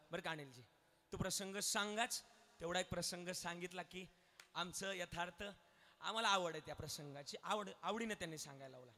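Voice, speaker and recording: A man preaching a devotional sermon, quizzing the crowd and urging them to answer aloud, swinging from soft asides to loud declamation. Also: high-pitched. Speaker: kirtan preacher. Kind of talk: devotional sermon with call-and-response. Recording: long hall reverb.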